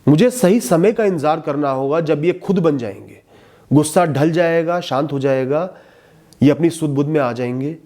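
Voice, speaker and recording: A man giving calm, measured advice in a talk, often dropping to a soft, hushed tone. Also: a little high. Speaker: motivational speaker.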